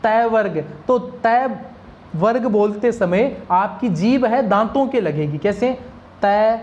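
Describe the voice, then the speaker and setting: Woman sanskrit teacher, talks real slow, keeps asking the class then answering herself. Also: a little high, darkish tone, muffled recording. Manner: asks questions and answers them herself; drills sounds one at a time. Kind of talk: pronunciation lesson.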